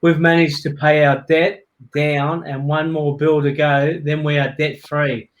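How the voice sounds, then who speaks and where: A man's voice: fairly high pitch, level tone, unhurried, muffled recording. A man with an Australian accent hosting a live stream casually, reading viewer comments aloud in an upbeat way. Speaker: host.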